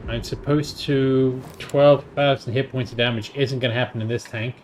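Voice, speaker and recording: Over clearly audible tank engines and battle noise from the game, a male streamer comments casually while playing. His mid-range voice keeps a fairly even intonation at a normal speed, and he sounds dry, wry and half-absorbed in his own thoughts.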